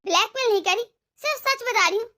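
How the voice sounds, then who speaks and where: A woman voicing a cunning young daughter-in-law in a Hindi cartoon, talking in a sharp, taunting and threatening way. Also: very high-pitched, expressive, fast, heavily acted. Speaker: voice actor.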